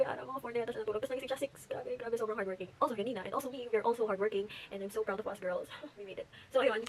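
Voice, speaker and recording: A woman's voice: mid-range voice, slight background noise, low-quality recording. A young woman, chatting animatedly at home as she tells a story for her vlog. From Philippines. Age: late teens. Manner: chatty, animated, mixes English into Tagalog. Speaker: vlogger.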